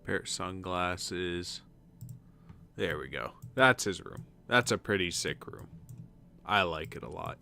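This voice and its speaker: In a low-pitched, slow voice with vocal fry and a sharp tone, a man mutters to himself while placing furniture in a decorating game he's streaming. It's casual let's-play commentary.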